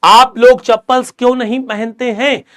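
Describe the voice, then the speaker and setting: A young man teaching an English chapter to students, reading lines slowly and explaining them, repeating key words as drills. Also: very high-pitched, little pitch movement, fairly bright tone. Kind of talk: explaining a textbook chapter in class.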